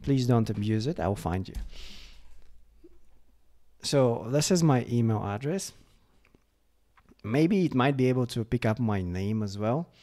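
A man casually walking through a software demo, chatty and full of fillers like "like" and "uh". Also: medium pitch, animated, measured pace, long pauses. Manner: chatty, lots of fillers, reads chatbot replies aloud. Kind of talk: casual screen-recorded product walkthrough.

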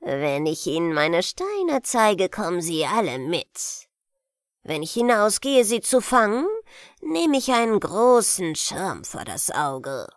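A woman's voice: medium pitch, sing-song, no room sound, studio quality. Woman doing a gloating old wizard. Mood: sinister coaxing. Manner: slow, gloating, hushed in places. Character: evil old male wizard luring children. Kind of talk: bedtime fairy tale reading.

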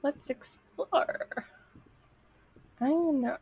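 A woman's voice: high voice, extremely slow, darkish tone. A young woman giving casual, giggly and reactive commentary while playing a co-op horror game as a streamer. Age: young adult. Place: small indoor room at home, streaming setup. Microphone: microphone on a boom arm, close.

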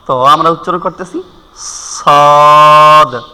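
Slow, bright-voiced male Quran teacher. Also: fairly high pitch, clear, resonant tone, long reverb tail. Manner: slow, deliberate, drawing out each letter sound and repeating it. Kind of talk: spoken pronunciation lesson.

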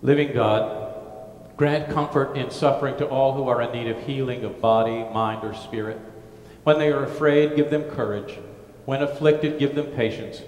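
Pastor guy reading the liturgy slow and solemn, big cathedral echo ringing after every line. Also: mid-range voice, fairly even intonation, a little mellow. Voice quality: solemn, measured liturgical delivery. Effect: cathedral-like echo with a long church-hall reverb. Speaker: pastor leading worship. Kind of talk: liturgical prayer and communion service. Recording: echoey, reverberant large church hall.

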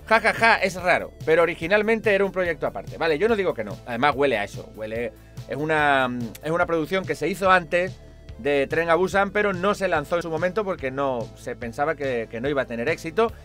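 A man's voice: on the high side, animated, a little fast, a bit bright, soft background music. A man hosting a casual vlog, answering viewer comments with sarcasm. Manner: sarcastic, mocking voices of commenters. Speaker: video host answering comments.

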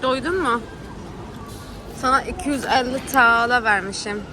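A woman's voice: a little high, normal speed, background noise. A woman vlogging casually to her phone, chatty and exasperated as she complains. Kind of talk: casual travel vlog to camera. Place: airport, indoors with crowds.

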